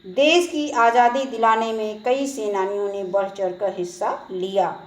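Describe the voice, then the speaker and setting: गूंजते कमरे में पाठ समझाती अध्यापिका. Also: female voice, mid-range voice, measured pace, roomy sound, low-quality recording. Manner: steady, methodical, reads out questions and answers. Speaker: teacher. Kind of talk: explaining a school textbook lesson.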